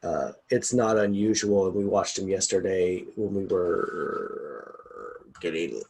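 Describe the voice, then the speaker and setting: A man's voice: low-pitched, slow, gravelly, darkish tone, breathy edge. A man, a guest executive coach, chatting casually over a video call from his home, rambling and laughing often.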